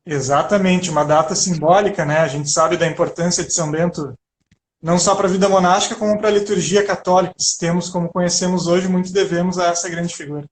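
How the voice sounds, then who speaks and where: Brazilian man, high voice, roomy video call sound, earnest and reflective. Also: steady tone, a little fast. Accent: Brazilian Portuguese. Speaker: co-host, liturgical music educator. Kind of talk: casual chat over a video call.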